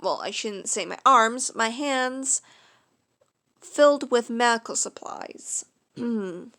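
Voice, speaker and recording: A woman narrating a first-person fan story in a casual, unpolished way, with fillers and cleared throat. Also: a little high, animated, slow, a bit bright.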